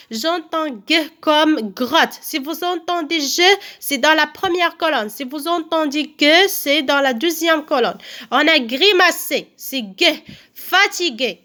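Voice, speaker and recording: A woman teacher giving a recorded phonics lesson to children, slowly repeating each word and breaking it into syllables. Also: high-pitched, sharp tone. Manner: slow, careful, repeats words and claps out syllables. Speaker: primary school teacher.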